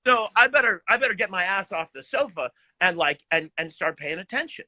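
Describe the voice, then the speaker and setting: A man's voice: high voice, a little fast, no room sound. A middle-aged man, a guest musician, telling stories in a casual live video chat and laughing often. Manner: animated, laughing storyteller.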